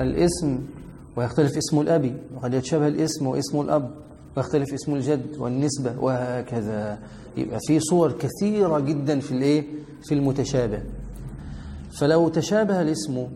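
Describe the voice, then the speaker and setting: A quick-speaking man with an Egyptian accent explains a classical text to a student, repeating lines and glossing them in everyday speech. His voice is dark and mellow. The recording is a reverberant hall with a faint hum behind it. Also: medium pitch. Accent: Egyptian Arabic. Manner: repeats the reading, then explains in colloquial speech. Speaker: teacher of hadith sciences. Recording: echoey hall with faint background noise.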